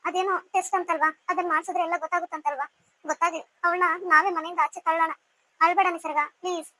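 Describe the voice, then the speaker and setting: A woman's voice: very high voice, flat delivery, fast, pushed and bright, no room sound, low-quality recording. A woman voicing a fussy, caring sister-in-law in a cartoon serial, alternately scolding and consoling.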